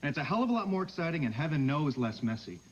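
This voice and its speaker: A cocky, mocking male kidnapper in a TV soap, his fairly high voice swinging up and down as he needles his captive. The old TV audio sounds dull and lo-fi, with a faint hiss underneath. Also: sing-song, racing. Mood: smug. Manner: sarcastic, mocking. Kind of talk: 1990 TV soap acting.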